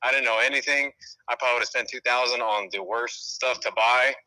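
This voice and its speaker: Male caller, sharp bright voice, medium pitch, hollow tunnel-like call, casual slangy chat. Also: fairly even intonation, brisk, no room sound, rough recording. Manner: slangy, easygoing talk. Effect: hollow, tunnel-like call sound. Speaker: caller phoning in from a station. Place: at a station, on a call.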